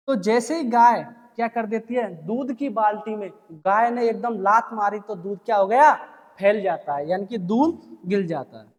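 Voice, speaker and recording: A teacher tells a story as a lesson, constantly asking the class quick questions and answering them. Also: medium pitch, long reverb tail.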